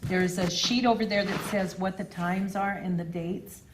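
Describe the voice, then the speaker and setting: A woman's voice: medium pitch, fairly even intonation, normal speed. Matter-of-fact woman with noisy background. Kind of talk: informal announcement at a club meeting. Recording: clear room noise.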